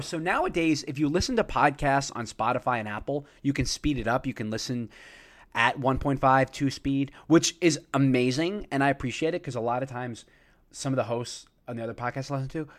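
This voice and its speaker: A man hosting his own podcast, chatting casually and talking fast, with lots of fillers and restarts. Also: medium pitch, a bit bright. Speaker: podcast host. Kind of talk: casual solo podcast intro.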